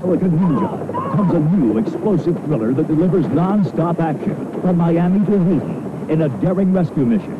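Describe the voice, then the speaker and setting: A man's voice: on the high side, expressive, fairly quick, long pauses. Trailer announcer man on a worn tape. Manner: dramatic announcer delivery. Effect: worn videotape copy. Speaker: trailer narrator. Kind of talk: movie trailer voice-over. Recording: tinny worn tape copy with loud hiss.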